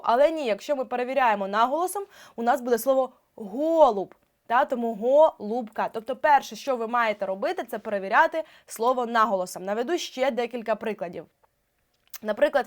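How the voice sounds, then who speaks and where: Woman teacher stretching out example words. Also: on the high side. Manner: clear, drawn-out example words, explaining patiently. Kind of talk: online spelling lesson.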